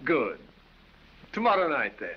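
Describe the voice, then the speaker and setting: This man's mid-range voice swings hugely in pitch and moves a little slowly as he plays a foppish English aristocrat with an English accent in 1930s film acting. Drawling and silly, he laughs at his own jokes in foppish banter, heard on a dull 1930s soundtrack with faint hiss.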